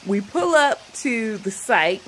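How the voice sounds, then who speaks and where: A woman telling a personal travel story in a casual, animated way, acting out the people she meets. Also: a little high, slow pace, a little hiss or hum, poor audio.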